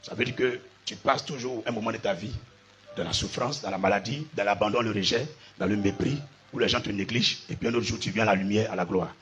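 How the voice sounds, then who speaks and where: A man's voice: on the low side, fast, a bit bright. A man with an Ivorian French accent preaching a sermon, spelling out words letter by letter and asking his listeners if they follow. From Côte d'Ivoire. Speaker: pastor.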